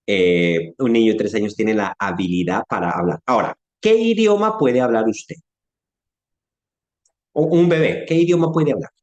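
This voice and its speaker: A man's voice: fairly low pitch, lively intonation, moderate pace, darkish tone, roomy sound. A man with a Latin American Spanish accent teaching an informal church class, putting questions to his listeners and acting out speech sounds. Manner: conversational, asks the audience questions, acts out sounds. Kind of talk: informal Bible-class lecture.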